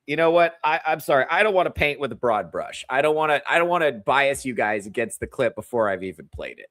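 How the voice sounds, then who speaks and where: A man's voice: medium pitch, a bit bright, dry recording. A man hosting a comedy podcast, ranting animatedly about clips and swearing freely. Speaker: podcast host.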